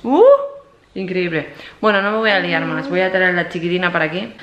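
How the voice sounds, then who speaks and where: A woman's voice: on the low side, steady tone, brisk, fairly bright tone, highs cut off, a little hiss or hum. A woman from filming a casual home vlog, cooing and gushing in baby talk at her pets and child. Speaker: vlogger. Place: home living room.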